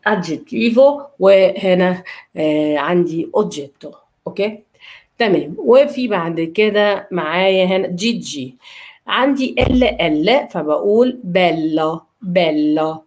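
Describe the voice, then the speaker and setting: A woman's voice: lowish voice, darkish tone. Patient Egyptian woman teaching pronunciation. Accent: Egyptian Arabic. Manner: patient, slowly repeats each word and checks understanding often. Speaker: Italian language teacher. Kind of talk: online pronunciation lesson.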